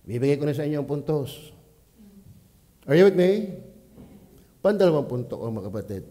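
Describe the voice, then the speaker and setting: A man with a Batangas accent, a pastor preaching at a church prayer meeting, swinging from quiet asides to loud exclamations. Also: fairly high pitch, big pitch swings, moderate pace. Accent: Filipino, Batangas.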